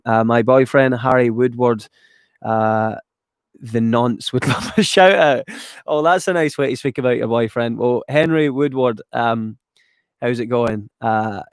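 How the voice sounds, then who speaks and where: A man's voice: mid-range voice, no echo, studio quality. A Scottish man from near Glasgow reading viewer questions aloud and answering them in a loose, rambling way, with lots of ums and casual swearing. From Scotland, west of Glasgow. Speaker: YouTuber answering viewer chat.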